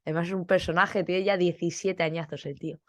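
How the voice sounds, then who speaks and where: A woman's voice: on the low side, fairly even intonation, a little fast, no echo. A young woman teacher from Spain, with a Spanish accent, chatting casually on her podcast and acting out bits of classroom dialogue.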